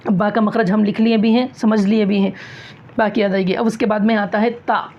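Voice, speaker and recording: Her voice is mid-range with little pitch movement, at normal speed, and the audio is lo-fi. This woman teaching a tajweed recitation class drills her students, repeating points and answering the questions she herself raises.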